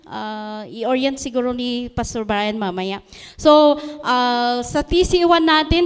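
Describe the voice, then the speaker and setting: A high-pitched Filipino woman teaches a children's ministry seminar in a relaxed, chatty way. She pauses often on fillers and adds friendly asides. Her voice carries a long echo around the church hall. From Philippines. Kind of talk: seminar teaching, mixing English and Tagalog. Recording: echoey hall.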